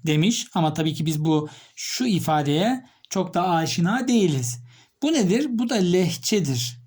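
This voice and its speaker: A male teacher giving a literature lesson, asking his students questions and repeating key terms slowly as he writes. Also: sits high, animated, a little mellow, slightly rough. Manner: explains step by step, repeats key terms while writing; addresses students directly with questions.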